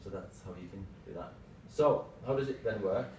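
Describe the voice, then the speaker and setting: A man in his thirties giving an informal tech lightning talk in short, halting phrases. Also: fairly low pitch, darkish tone. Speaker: tech presenter, developer. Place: small meeting room, indoors. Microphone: far camera microphone. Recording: roomy, distant mic with clear background noise.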